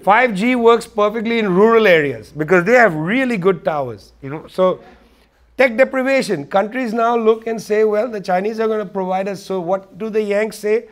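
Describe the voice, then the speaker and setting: A man's voice: high voice, normal speed. A man speaking as an interview guest in a political discussion, emphatic and wry, driving points home by repeating them. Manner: wry, sarcastic asides.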